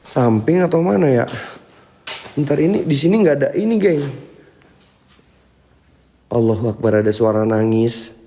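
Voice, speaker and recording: A man's voice: mid-range voice, animated, normal speed, long pauses, mellow. A young man live-streaming a ghost hunt, jumpy and calling out to spirits while muttering prayers under his breath. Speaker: paranormal explorer streamer.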